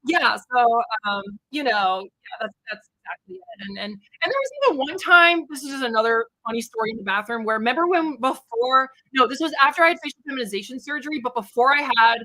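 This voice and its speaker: Young woman co-host, high bright voice, dry close sound, chatty storyteller. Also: fast talker, hardly any pauses, dry recording, low-quality recording. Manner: chatty storyteller, many fillers, animated quotes. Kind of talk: casual chat.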